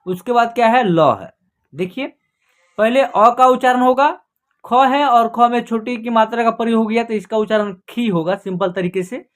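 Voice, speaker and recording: Lady teacher in an online class, spells out letters, asks herself what the word is then says it. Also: on the high side. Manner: drills sounds, asks and answers own questions; spells out letters slowly before each word. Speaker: Hindi reading teacher. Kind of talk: online beginner reading lesson.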